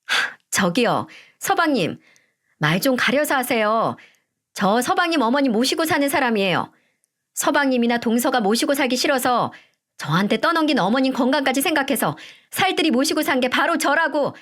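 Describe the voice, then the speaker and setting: A woman's voice: high voice, expressive, normal speed, a bit bright, pitched above the performer's own voice. A woman voicing a spiteful, defiant middle-aged wife who sneers back at her accusers.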